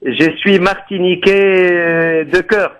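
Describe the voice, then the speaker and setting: A man's voice: sits high, fairly even intonation, slow, a bit bright. A man calling in to a radio show, giving a long, digressive political commentary in an earnest tone over a phone line. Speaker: radio caller.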